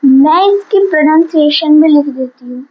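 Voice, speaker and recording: A woman's voice: sits high, normal speed, lo-fi sound. A woman teacher giving a vocabulary lesson, patiently explaining each word and switching between Hindi and English.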